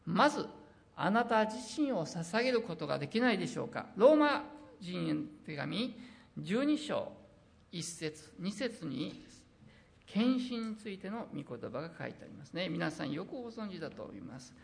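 A middle-aged preacher with an Osaka accent delivers an earnest sermon with personal testimony. The voice is gravelly and the pitch moves a great deal. Scripture passages come slowly. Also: big pitch swings. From Osaka, Japan. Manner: earnest, reads scripture slowly, slips into dialect. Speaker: preacher and missionary.

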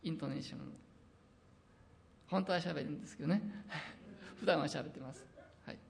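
A middle-aged preacher and missionary from Osaka with an Osaka accent. They give an earnest sermon, read scripture slowly, and slip into dialect. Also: mid-range voice, gravelly, a little hiss or hum. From Osaka, Japan. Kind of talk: sermon with personal testimony.

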